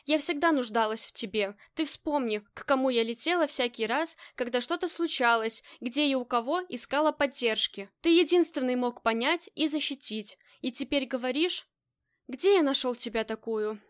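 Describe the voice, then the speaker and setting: A woman's voice: sits high, normal speed, natural voice. A woman voicing a tough female gang boss in an audiobook, speaking dryly with mock sternness. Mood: wry.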